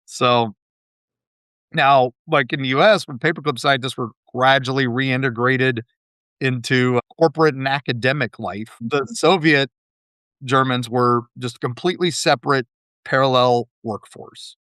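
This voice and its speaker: A man's voice: medium pitch, unhurried, a bit bright, smooth, no echo, clean studio sound. A man hosting a podcast, telling history in a rambling, casual way with frequent laughs. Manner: rambling, laughs often, fillers. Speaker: podcast host.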